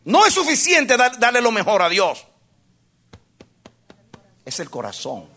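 High-voiced impassioned male preacher. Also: huge pitch swings, unhurried. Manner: impassioned, swings from hushed to loud, repeats phrases for emphasis; addresses the congregation directly with questions. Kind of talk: sermon.

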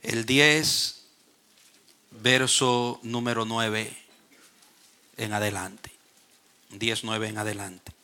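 Male preacher, bright and tense tone, sermon delivery with emphatic scripture reading. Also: lowish voice, flat delivery, clear, resonant tone. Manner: reads scripture aloud with rising emphasis, frequent "eh" pauses. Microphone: streamed online service.

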